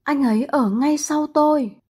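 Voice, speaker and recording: A woman reading translations of short phrases in an even, plain manner. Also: sits high, normal speed. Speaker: Vietnamese translation reader.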